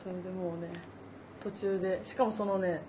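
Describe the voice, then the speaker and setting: A woman's voice: fairly low pitch, steady tone, normal speed, warm tone, a little hiss or hum. A woman co-hosting a casual chat radio show, reading listener mail aloud and chatting in an upbeat way with laughing asides. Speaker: radio co-host.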